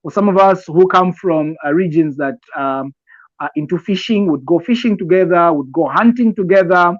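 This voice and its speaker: In a dry, slightly dull recording with no room sound, a Zambian-accented man with a somewhat high voice gives advice in a chatty way, illustrated with examples from his own life. His delivery is halting and deliberate, and he tends to repeat phrases as he explains.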